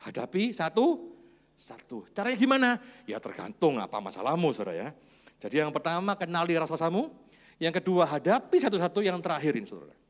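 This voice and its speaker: A man in his forties preaching a church sermon, storytelling with chuckles and quiet asides. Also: a little high, big pitch swings, brisk. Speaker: pastor.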